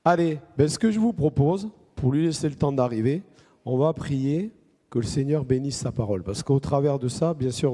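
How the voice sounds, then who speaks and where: A man's voice: medium pitch, warm tone. A man preaching a playful children's sermon, chatting with the kids and playacting a phone call. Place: church hall. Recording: reverberant church hall.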